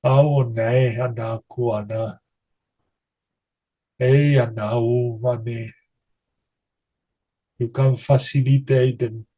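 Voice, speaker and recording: A man leading a spiritual healing session, speaking calm guidance and intoning flowing made-up syllables in a soft, meditative way. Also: medium pitch, poor audio. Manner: soft, unhurried, meditative delivery. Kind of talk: channeled light-language guidance.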